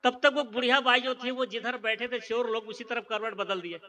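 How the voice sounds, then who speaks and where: A man's voice: extremely high pitch, steady tone, brisk, sharp tone. A male preacher, telling a parable in a sermon and acting out its characters' lines. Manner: storytelling, acts out the characters' lines.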